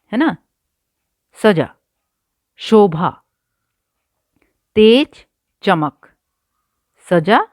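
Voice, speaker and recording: A woman's voice: lowish voice, no room sound, studio quality. A woman teaching a textbook lesson, going word by word and repeating terms patiently for her pupils. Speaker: Hindi teacher.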